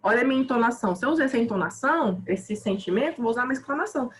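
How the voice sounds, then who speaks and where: A woman teacher with a Brazilian Portuguese accent, giving a quick, informal grammar review with lots of self-interruptions. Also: a little high, animated, a little hiss or hum, low-quality recording. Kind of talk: online grammar review lesson.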